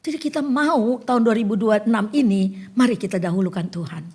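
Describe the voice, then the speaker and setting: A woman's voice: medium pitch, fast talker, dark tone, husky. An older woman preaching a sermon in a chatty storytelling way, acting out the conversations she tells.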